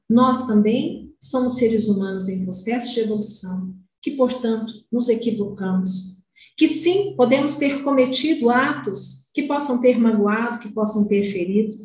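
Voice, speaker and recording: A young woman giving a devotional spiritist lecture over a video call, earnest and measured, stretching key words slowly. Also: on the high side, darkish tone. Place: home room, indoors. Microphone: webcam on video call. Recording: roomy echo, distant mic, faint hiss.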